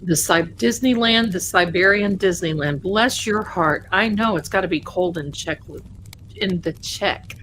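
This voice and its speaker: A woman with a slightly low voice hosts a live ghost-talking stream over background noise. She chats casually to spirits and viewers alike. Her delivery rambles and halts, with words and phrases often repeated. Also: unhurried, a bit bright, poor audio. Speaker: livestream host of a spirit communication session.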